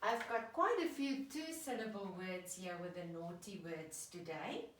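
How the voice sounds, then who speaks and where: A woman's voice: lowish voice, expressive, measured pace, fairly bright tone, slight background noise. A woman teacher giving a children's reading lesson, patiently sounding out and clapping words. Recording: echoey room, voice from a distance.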